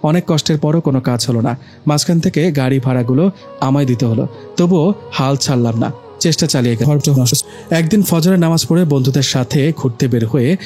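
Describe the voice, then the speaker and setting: A man telling a romantic story in first person, calm and steady, at a middle pitch. Faint music plays under his narration. The telling is scripted and even.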